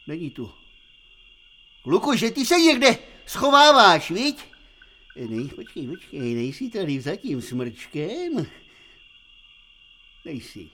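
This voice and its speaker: A man's voice: fairly high pitch, a little mellow, full character voice. A man voicing an eager, insistent know-it-all kid in a puppet radio play.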